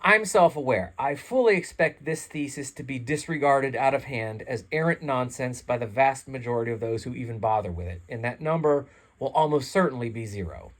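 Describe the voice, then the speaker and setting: A man's voice: medium pitch, animated, brisk. A congested man reading his own essay aloud in an earnest, rambling, self-deprecating way, then signing off casually. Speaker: channel host reading his own article. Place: seated in a chair. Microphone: home microphone, some chair rubbing.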